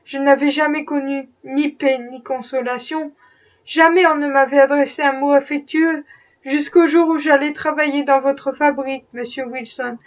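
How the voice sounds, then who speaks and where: A woman's voice: high-pitched, steady tone, moderate pace, recorded from a distance, dull audio, natural voice. A woman voicing a desperate young enslaved man fleeing to freedom, with impassioned, defiant pleading.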